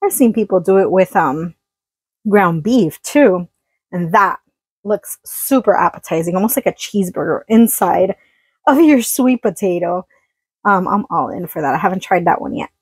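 Her mid-range voice is husky and darkish, with lively intonation and normal speed, as this cooking vlogger chats to camera in a small trailer kitchen. She laughs frequently while cooking. A phone-plugged mic near the counter gives low-quality sound with no room sound.

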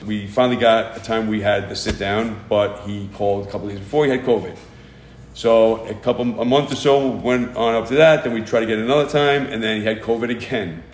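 Fast-talking grieving father in a roomy space. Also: fairly low pitch, fairly even intonation. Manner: fast, agitated storytelling, acting out quotes. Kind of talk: emotional recounting in an interview. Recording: roomy recording with faint background ambience.

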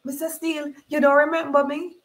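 A woman voicing a desperate middle-aged woman, calling out in high, pleading cries. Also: flat delivery, a little fast.

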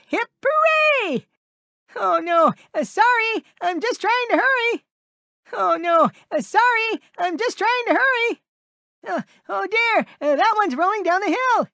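A tiny, timid cartoon piglet, with an extremely high voice that swings up and down. He is polite and kindly but fretful, stammering and hesitating through his words. The sound is dry and close, like a video game character clip. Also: vocal fry, pushed and bright, no room sound, full character voice. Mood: flustered. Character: Piglet, small timid, anxious, kindly male piglet.

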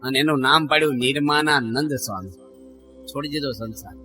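A man's voice: mid-range voice, brisk, pushed and bright, soft background music. A man, a monk giving a devotional sermon, telling folksy stories and acting out the voices of the people in them. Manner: folksy storyteller acting out quoted dialogue. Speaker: monk preacher.

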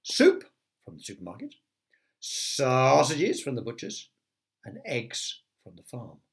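A man's voice: mid-range voice, huge pitch swings, a little slow, vocal fry. A man who teaches primary school, reading a children's story aloud with chatty asides to the young listeners.

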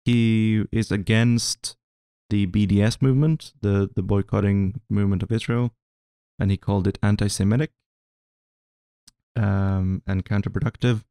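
Low, mellow-voiced man in casual chat. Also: steady tone, normal speed, clear, resonant tone, no echo. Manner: hesitant, many ums, dry jokes. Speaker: podcast co-host.

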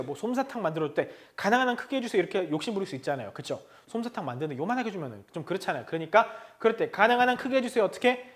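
A man teaching a German lesson to Korean learners, asking questions and answering them himself. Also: high-pitched.

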